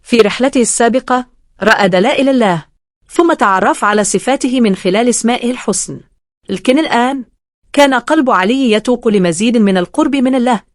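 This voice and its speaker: Woman, children's story narrator, steady gentle delivery, dry close recording. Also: on the high side, fast talker, dry recording.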